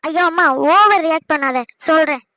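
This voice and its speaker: A woman playing a cheeky young daughter in a cartoon, talking fast and pleading. Her voice is high and close, with no room sound. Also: steady tone, fairly bright tone, dry recording. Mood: exasperated. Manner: quick, pleading, exasperated. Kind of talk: cartoon voice acting.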